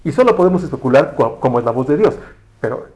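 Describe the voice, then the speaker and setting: A man preaching a relaxed, conversational sermon, often correcting himself and asking the congregation questions. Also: medium pitch, quick pace, rough recording. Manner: relaxed, self-correcting, asks the audience questions.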